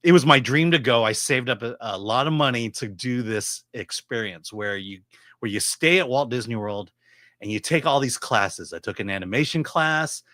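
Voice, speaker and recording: A middle-aged man reviews films casually in a voice of average pitch. He explains his opinions haltingly, and the sound is dry and free of room echo. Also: a bit bright. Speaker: film reviewer. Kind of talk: casual movie commentary.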